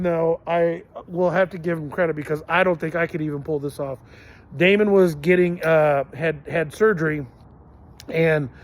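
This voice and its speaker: A middle-aged man hosting a podcast, telling personal stories in an earnest, rambling way with many fillers and restarts. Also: fairly high pitch. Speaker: podcast host. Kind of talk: casual storytelling monologue.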